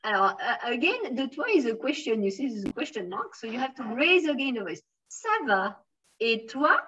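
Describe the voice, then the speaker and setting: A woman's voice: a little high, very animated, fast, fairly bright tone, breathy edge, highs cut off. A woman with a French accent teaching a beginners' French lesson, patiently modelling phrases and encouraging her students.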